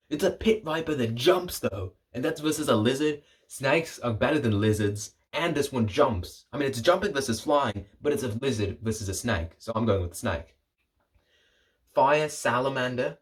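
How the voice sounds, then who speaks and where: A young man with a lowish voice rambles through casual solo commentary for his video channel. He jokes as he goes and keeps breaking off his own sentences. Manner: rambling, jokey, self-interrupting. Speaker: vlogger.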